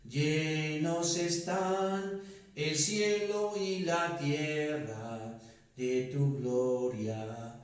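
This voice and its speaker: Man, priest, Mass, slow chant and recitation, cathedral echo, distant mic, fairly high voice. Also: fairly even intonation, soft background music. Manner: slow, measured liturgical delivery, partly sung. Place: large church. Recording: echoey church, voice from far off the mic.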